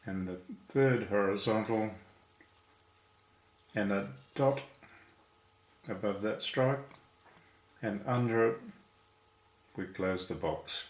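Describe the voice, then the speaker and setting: Slow, patient man teaching in an echoey room. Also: lowish voice. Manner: slow, patient, explaining each stroke. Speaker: language teacher. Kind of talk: calligraphy lesson, step by step.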